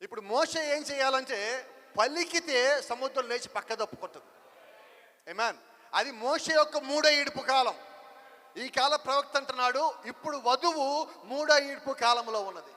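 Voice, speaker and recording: Male preacher with a very high, forceful voice, emphatic and repetitive, sermon in a reverberant hall. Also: moderate pace. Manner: emphatic, repeats rhetorical questions.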